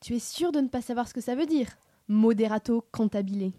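A woman's voice: on the high side, fairly quick, no room sound, lightly acted. A harsh, sadistic piano teacher, voiced by a woman nags a stubborn pupil in a slightly raised voice, exasperated and scolding. The recording is dry and close. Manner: scolding, exasperated, bursts into shouting. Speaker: reader. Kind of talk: dramatic reading.

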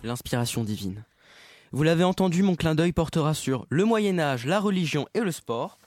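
A man's voice: fairly high pitch, animated, moderate pace, a little mellow, faint music behind. A man hosting a live radio show, joking in a wry, dry way. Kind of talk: playful live radio chat.

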